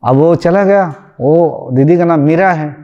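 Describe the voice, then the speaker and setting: A man's voice: on the high side, unhurried, highs cut off. A man, a spiritual teacher, giving a conversational storytelling talk and acting out the voices of the people in his story.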